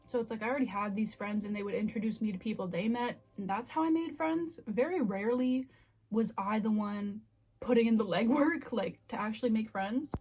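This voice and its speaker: A woman's voice: fairly high pitch, fairly quick, a little mellow, slightly rough. A woman in her twenties chatting casually and candidly to the camera in a self-reflective, confessional way. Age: 20s. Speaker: vlogger.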